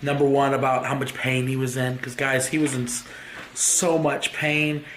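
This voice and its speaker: A young man speaking on his vlog in a halting, emotional way, fighting back tears. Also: mid-range voice, little pitch movement, a bit bright, slight background noise. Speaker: vlogger. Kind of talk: grieving personal vlog. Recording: roomy echo with faint ambience.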